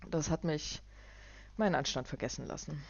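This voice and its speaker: A suave hotel magnate speaks calmly and courteously, with quiet menace underneath, as a woman reading her book puts him on. A gravelly texture runs through the voice. The recording is dry and dull. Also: low-pitched, moderate pace, dry recording. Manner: smooth and calm, cutting when crossed.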